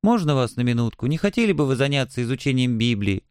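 Guy doing a chirpy polite street girl in an audiobook, a bit higher, dry sound. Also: very animated, fast talker, darkish tone, clean tone, dry recording, natural voice. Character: smiling young woman recruiting passers-by.

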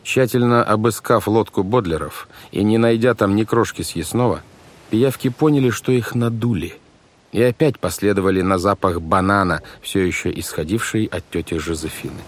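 A man narrating a storybook in a measured, expressive reading style. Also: fairly low pitch. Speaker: audiobook narrator.

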